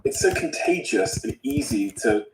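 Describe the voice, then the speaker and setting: A man's voice: medium pitch, wildly swooping pitch, unhurried, noisy background. A man hosting an interview, musing aloud and asking thoughtful questions in casual conversation. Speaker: interviewer, podcast host. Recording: roomy echo.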